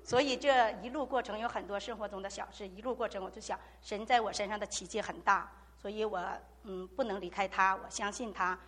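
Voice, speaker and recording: Bright-voiced woman, echoing hall. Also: mid-range voice, brisk, few pauses. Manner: earnest storytelling, retells dialogue. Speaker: church member giving testimony. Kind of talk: personal testimony. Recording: long hall reverb.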